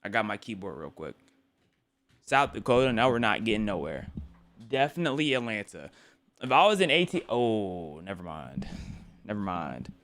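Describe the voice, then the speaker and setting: Talking to his chat late at night, the tired young streamer rambles, jokes, and keeps repeating and restarting his words. His lowish, slightly bright voice has big pitch swings, a normal pace, and frequent pauses.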